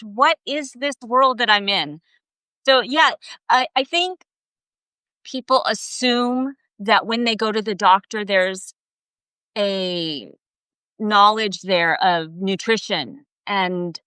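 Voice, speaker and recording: A woman's voice: mid-range voice, sharp tone, clean tone, no room sound. A woman hosting a casual live video chat, telling a story in an earnest, emphatic way. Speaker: host. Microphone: video call.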